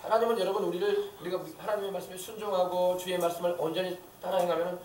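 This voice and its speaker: A male pastor delivers a fervent sermon at a brisk clip, his voice sitting high for a man. He presses his points with rhetorical questions. The sound is roomy and echoey, picked up from some distance in a church sanctuary. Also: flat delivery, a little mellow, slight background noise.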